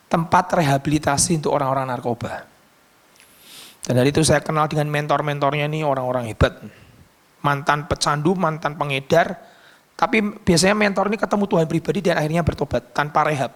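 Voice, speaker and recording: A man preaching a sermon as pastor, telling stories in an animated, emphatic way. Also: fairly high pitch.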